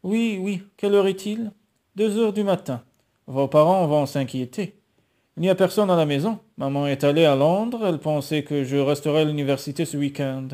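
Un homme qui lit un roman et prête sa voix à une jeune étudiante troublée mais décidée. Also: male voice, on the high side, moderate pace, dark tone, lightly acted. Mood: résolue.

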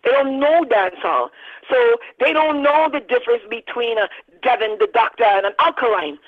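A woman in her thirties, a radio interview guest, making an animated, emphatic argument. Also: on the high side, moderate pace. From Barbados. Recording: dull lo-fi sound.

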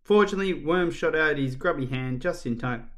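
A man's voice: fairly high pitch, brisk. Man reading a children's story aloud. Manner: lively, expressive reading.

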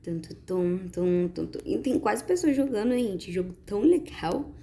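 Excited brazilian woman narrating gameplay. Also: medium pitch, normal speed, gravelly. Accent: Brazilian Portuguese. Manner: chatty, excited, talks to viewers. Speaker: gaming YouTuber. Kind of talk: casual gameplay commentary.

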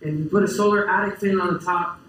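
A man's voice: high voice, steady tone, fast, a bit bright, slight background noise. A young man giving a casual farming presentation in a lecture hall, often saying "uh" and "um" and restarting his sentences. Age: young adult. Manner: casual, many fillers and restarts. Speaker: farmer giving a talk. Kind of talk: conference presentation. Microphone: distant camera in the audience. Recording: roomy lecture hall echo.

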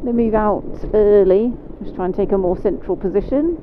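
Riding a motorcycle through rain on wet roads, a female instructor with a British English accent gives measured, calm commentary on each riding step in her mid-range voice. The helmet mic has a phone-like quality and picks up engine and road noise.

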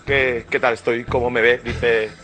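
A man who tells jokes in fast, excited storytelling. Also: mid-range voice, faint music behind. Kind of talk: joke telling.

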